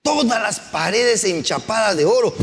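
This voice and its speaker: A man preaching a sermon as pastor, animated and acting out stories, at times shouting. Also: high-pitched, moderate pace, vocal fry, in a large hall. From Peru. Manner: animated, acts out anecdotes with voices, sometimes shouting.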